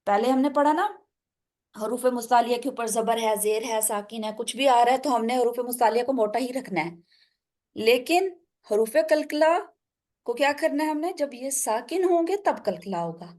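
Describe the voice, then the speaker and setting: A woman's voice: on the high side, a little mellow. A woman teaching tajweed in an online class, explaining step by step and asking her students questions. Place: online video call class.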